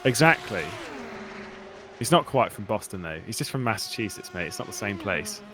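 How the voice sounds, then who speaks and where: Over steady background noise, a man calls an online race in a relaxed, talkative style, often laughing and starting sentences over. He has a lowish voice and speaks at a moderate pace.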